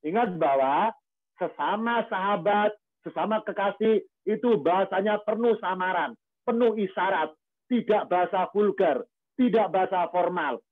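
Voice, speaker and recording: A man with a high voice explains scripture as a religious teacher, in loose, chatty speech full of fillers and rhetorical questions. The sound is thin and tinny, like a phone line, and dry with no room echo. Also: normal speed. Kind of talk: Quranic commentary study lecture.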